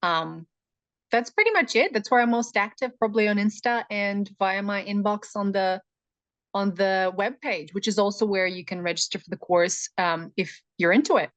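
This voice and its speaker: A woman born in Russia and raised in Montreal, talking as a neuroscientist guest in a casual podcast interview, animated and quick to laugh. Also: medium pitch, no echo. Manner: animated, laughs often, chatty with fillers.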